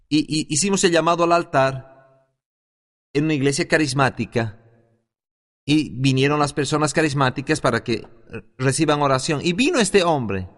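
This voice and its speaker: A man teaching a Bible institute class as a sermon, telling a story earnestly with halting restarts and rising to loud, emphatic peaks. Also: a little high. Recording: reverberant hall.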